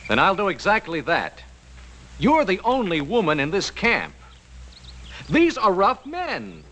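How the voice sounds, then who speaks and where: An actor playing an earnest, authoritative rancher's eldest son in a TV western, with an American accent and a measured, polite but firm manner. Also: male voice, high-pitched, huge pitch swings, sharp tone, exaggerated voice. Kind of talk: 1960s TV western acting. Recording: noisy old TV soundtrack.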